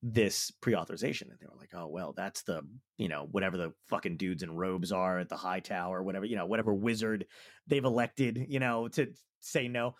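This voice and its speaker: A man's voice: low voice, steady tone, a little fast, no room sound, studio quality. A man, a comedian and podcast host, telling a story in casual chat, swearing freely and acting out both sides of a phone call.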